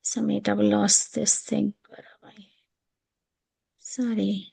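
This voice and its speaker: Woman, middle-aged, choppy video call connection, drops out now and then, halting, apologetic. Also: mid-range voice, flat delivery, vocal fry, warm tone, slightly rough, no room sound. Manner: halting, apologetic, losing her place. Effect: choppy, dropping video call connection. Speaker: nephrology consultant, panel speaker. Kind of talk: online panel talk.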